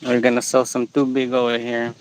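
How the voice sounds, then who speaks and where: A man's voice: medium pitch, completely flat delivery, a little fast, slight background noise. Laid-back man chatting casually on a vlog. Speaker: vlogger. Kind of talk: casual off-the-cuff vlog chat.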